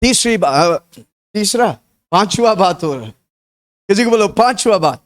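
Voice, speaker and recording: Unhurried yet energetic, this Indian preacher has a strikingly high male voice and builds his sermon on repeated, vivid storytelling. He insistently has the congregation say his words back to him, creating a stirring call-and-response.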